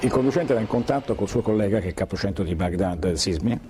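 A man giving a deliberate, detailed account of events as an archive testimony. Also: lowish voice, expressive, mellow, slight background noise.

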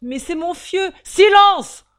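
A woman voicing a gruff, bossy male prison guard who barks out orders. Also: very high voice, lively intonation, slow, pitched above the performer's own voice, full character voice. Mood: shouting. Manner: shouted barked orders.

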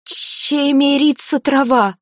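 A woman voicing a terrified woman being choked, pleading in a high, shrill, stammering voice. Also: fairly even intonation, takes it slowly, dry recording, clean studio sound.

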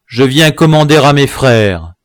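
A man's voice: mid-range voice, expressive, a little slow, no room sound, studio quality, lightly acted. A man reading an audiobook, voicing a proud rebel chief who gives thundering commands. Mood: commanding.

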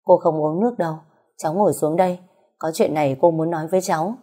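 A woman voicing a blunt, uneasy middle-aged landlady who talks in a curt, brisk way. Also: sits low, dark tone.

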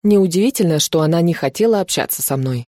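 A woman narrating a first-person fantasy audiobook in an even, measured reading. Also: on the low side, no room sound, clean studio sound.

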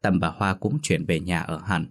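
A man narrating a scripted ghost story in a steady storytelling manner. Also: deep voice, moderate pace.

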